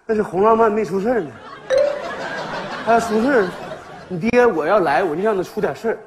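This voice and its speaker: On a live stage with hall reverb and a very noisy audience, a male comic actor in the role of a father delivers northeastern Chinese sketch comedy. His voice is high and a little fast, full of animated teasing and laughter.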